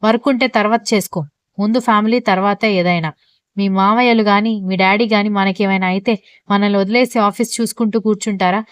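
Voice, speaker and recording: A firm, insistent middle-aged mother-in-law who scolds out of care, voiced by a woman narrating the story. She speaks quickly and smoothly, close to the mic in a dry sound. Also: mid-range voice, steady tone, no echo, natural voice. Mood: scolding.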